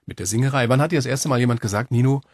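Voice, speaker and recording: A man's voice: medium pitch, rapid-fire, darkish tone, no echo. A male interviewer asking engaged, informal follow-up questions in a conversational interview.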